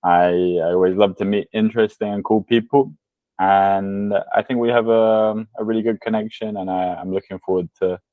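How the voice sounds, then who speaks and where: Deep-voiced male podcast host. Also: fairly even intonation, moderate pace, no echo, narrow, tinny audio. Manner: friendly, encouraging questions. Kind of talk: casual chat.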